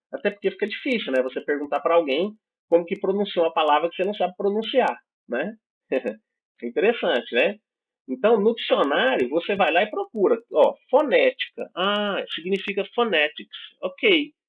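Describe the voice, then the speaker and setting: A high, slightly rough, expressive male voice belongs to a Brazilian teacher giving an online English class at a moderate pace. He explains with patience, frequently checks in using "certo?" and "né?", and carries a Brazilian Portuguese accent over tinny, phone-like sound.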